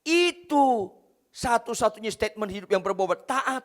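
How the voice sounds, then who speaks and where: A man preaching a sermon as pastor, driving home points by repeating key phrases and swinging between loud and soft. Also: a little high. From Indonesia.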